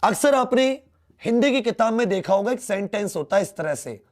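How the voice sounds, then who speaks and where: A man's voice: sits high, animated. A man teaching a Hindi grammar lesson, repeating key words and asking them back to the students. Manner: slow, drawn-out delivery.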